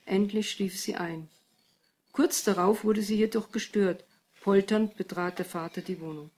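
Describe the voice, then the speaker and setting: A woman narrating a novel in calm, even scripted storytelling. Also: medium pitch, measured pace. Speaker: audiobook narrator.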